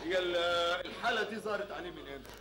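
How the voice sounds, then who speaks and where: A man's voice: high voice, rapid-fire, natural voice. An actor with an Egyptian Arabic accent playing a giddy, boastful grown man who poses as a Mexican noble, chattering and giggling in a live stage comedy. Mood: whiny, childish. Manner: giggly, chattering, breaks into loud laughter. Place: theater stage with live audience. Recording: roomy, noisy old theater stage recording.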